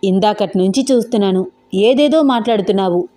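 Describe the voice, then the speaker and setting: A woman's voice: mid-range voice, brisk, dark tone, soft background music, close to an everyday voice. A woman doing a teasing young buddy. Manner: casual, teasing. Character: easygoing young man, teasing best friend.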